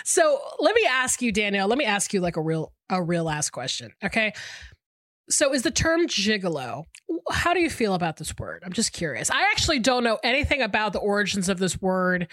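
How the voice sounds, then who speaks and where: A woman's voice: medium pitch, big pitch swings, fairly quick, a bit bright, no echo, faint music behind. A woman co-hosting a film podcast, chatting informally and checking in with the listener. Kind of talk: casual conversational film discussion.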